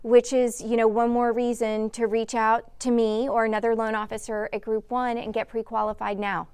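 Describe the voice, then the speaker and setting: A woman's voice: fairly high pitch, level tone, normal speed, darkish tone, clear, resonant tone, no room sound. A woman with an American accent giving explanatory answers as a finance guest in an interview. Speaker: mortgage loan officer guest.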